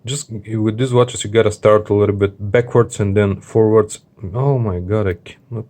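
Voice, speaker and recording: A man with a slightly deep voice talks through a product review off the cuff. His delivery is informal and hesitant, stopping and starting as he looks for the right word. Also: fairly even intonation, dark tone. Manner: halting, hesitant, searching for words. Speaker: watch reviewer. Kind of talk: casual unscripted product review.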